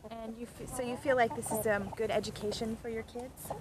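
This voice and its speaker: A woman's voice: fairly high pitch, steady tone, a little fast, crowd noise. A woman interviewer asking casual, somewhat hesitant questions outdoors on a farm.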